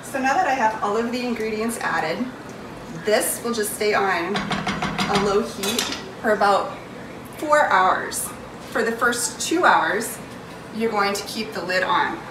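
A mid-range, lively voice speaking slowly belongs to a woman in her forties with a New England accent. She's a home cook making chili on camera, chatting and teasing herself while she stirs and pours. The tripod camera sits far away, giving roomy kitchen audio with a noisy background and the sizzle of food in a pan.

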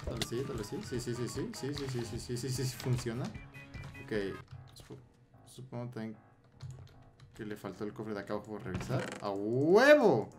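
Excitable Mexican gamer, swearing in bursts. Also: male voice, mid-range voice, music in the background. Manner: excitable, swearing, repeats words in rapid bursts. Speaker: Minecraft gameplay YouTuber. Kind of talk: gameplay commentary.

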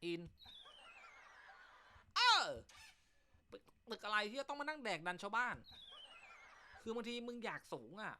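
A man's voice: very high-pitched, lively intonation, brisk, pauses often, bright, forceful tone, a little hiss or hum. A male comedy host telling jokes in casual chat, teasing banter full of crude slang.

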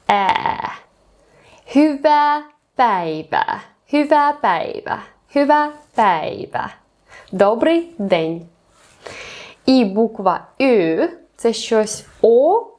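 A woman teaching a beginners' language lesson, explaining patiently and slowing down for examples. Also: on the high side, darkish tone. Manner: patient, clear explanations with slow spelled-out examples.

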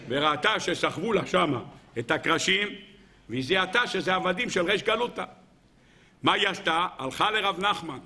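A man, a rabbi giving a Torah lesson in a lively storytelling way, asking rhetorical questions and acting out quotes. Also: a little high. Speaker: rabbi teaching a weekly Torah class.

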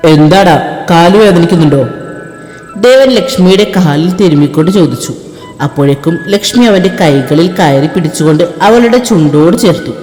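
A man reads a story aloud in a steady, even way, his voice a touch high for a man. The room rings with a long echo, and faint music plays under the narration.

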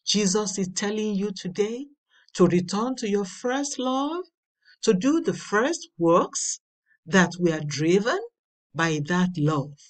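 A woman slowly reading a daily devotional with scripture passages, deliberate and emphatic. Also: mid-range voice, expressive, far from the mic. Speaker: devotional reader. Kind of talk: slow read devotional with scripture.

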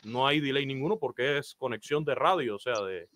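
Fairly quick and fairly bright, the mid-range voice belongs to a Cuban baseball announcer in his thirties speaking earnestly about his career and offering advice on a video call. He has a Cuban Spanish accent, uses lots of "eh" fillers, and is in a small room indoors.

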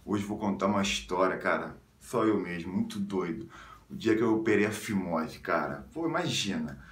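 A young man from the suburbs of Rio de Janeiro with a Carioca accent, telling a story casually in slang and jumping into high squeals when he quotes people. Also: normal speed, reverberant. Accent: Carioca Brazilian Portuguese. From Rio de Janeiro suburbs, Brazil. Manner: slangy, animated, jumps into high squeals when quoting others. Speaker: vlogger.

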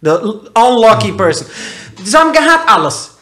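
A man talking as a podcast guest, telling a story in a casual, animated way and asking a lot of rhetorical questions. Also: high voice, moderate pace. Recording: roomy echo.

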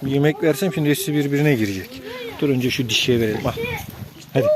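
A man's voice: medium pitch, fast talker, a crowd in the background. A man vlogging while feeding dogs outdoors, giving firm commands to the dogs and casual asides to his viewers. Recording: noisy outdoor recording.

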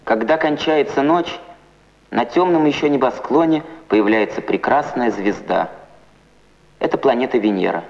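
A man reading scripted educational science newsreel narration in a measured, declamatory way with precise diction. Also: mid-range voice, gravelly. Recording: muffled vintage Soviet film soundtrack.

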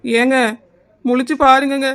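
An eager young village wife in a cartoon comedy, voiced by a woman, speaking with a Kanyakumari Tamil accent. Her voice sits high, and she coaxes, insists and wails. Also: level tone, a little slow. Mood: wailing. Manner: pleading, insistent and wailing. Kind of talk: animated cartoon comedy dialogue.

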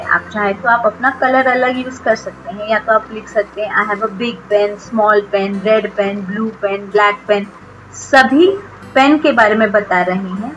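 A woman with an Indian accent teaching young children an English lesson, explaining each sentence and slowly drilling the pronunciation of words. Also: fairly high pitch, pushed and bright, poor audio. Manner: slow, careful word-by-word pronunciation drills.

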